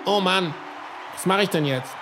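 A performer voicing a small, eager mouse rapper in a children's audio drama, telling the story excitedly and sounding anxious. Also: medium pitch, moderate pace, loud music behind the voice, over a noisy crowd, close to an everyday voice.

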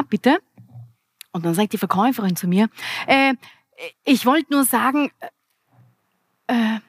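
Austrian woman, 40s, sales trainer at a keynote; fairly high, very animated voice, dry close sound. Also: dry recording. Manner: lively, energetic, addresses the audience directly. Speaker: business trainer and keynote speaker. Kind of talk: interactive keynote talk. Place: event hall with live audience.

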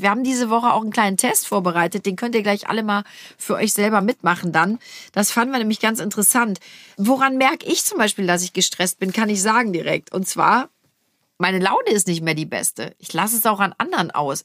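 A woman's voice: mid-range voice, a bit bright, no room sound. A middle-aged woman hosting a family podcast in a studio, chatty, teasing and insistent. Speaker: podcast host. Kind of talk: casual family podcast chat. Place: recording studio. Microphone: studio mic.

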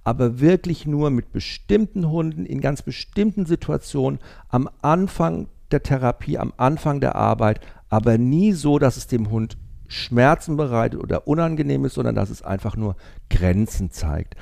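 A man with a gravelly, dark voice hosts a casual podcast chat. He talks in a lively way and laughs now and then as he explains. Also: mid-range voice, normal speed. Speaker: podcast host.

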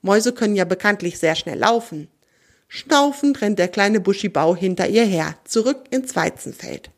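Female storyteller for a children's podcast, gentle and direct with the young listener, mid-range voice. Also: mid-range voice, animated, moderate pace.

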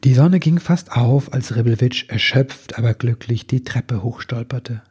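A man reading a Christmas children's story aloud in a lively storytelling manner. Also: medium pitch, measured pace, husky.

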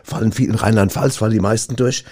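A man doing comedy banter, rambling and deadpan, often stammering over his words. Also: fairly low pitch, fast.

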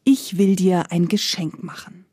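A woman voicing Death as a tall, gaunt, grey-cloaked male godfather who speaks in a soft whisper. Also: lowish voice, fairly even intonation, a little slow, breathy edge, dry recording, studio quality. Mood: quiet.

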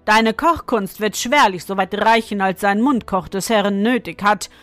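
A woman voicing a stern male palace overseer who scolds loudly and talks down to others. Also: mid-range voice, normal speed, no room sound, soft background music, close to an everyday voice. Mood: condescending. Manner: loud scolding.

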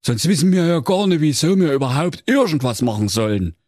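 A man's voice: a little high, big pitch swings, brisk, a little mellow, dry recording, clean studio sound, voice pushed up. A man doing a limp, starving villager. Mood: listless. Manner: limp, droning. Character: weary, starving male villager, languid.

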